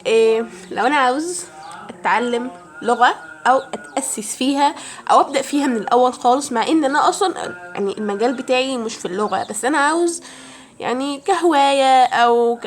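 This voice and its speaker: A woman's voice: high voice, fast. A young woman with an Egyptian Arabic accent, giving chatty language-learning advice straight to her viewers as if to a friend. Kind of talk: casual advice vlog.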